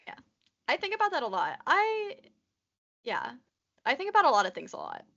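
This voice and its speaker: With huge pitch swings at a moderate pace, a high-pitched woman in her twenties co-hosts a podcast over dull audio, her tone fairly bright. She rambles through nervous, casual chat, leaning constantly on "like."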